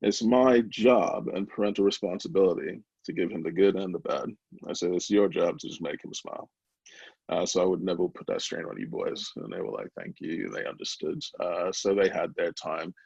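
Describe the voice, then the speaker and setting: A middle-aged man, a podcast guest, candidly telling a personal story in a rambling, animated way, acting out the voices of the people he quotes. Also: sits low, a little fast, gravelly, breathy edge, no room sound. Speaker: podcast guest, brownie company founder. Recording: slightly dull, lo-fi remote audio.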